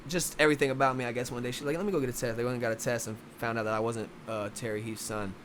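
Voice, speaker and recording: A man's voice: mid-range voice, steady tone, rapid-fire, noisy background. A young man from Philadelphia, a boxing coach guest in a casual podcast interview, rambling with many restarts.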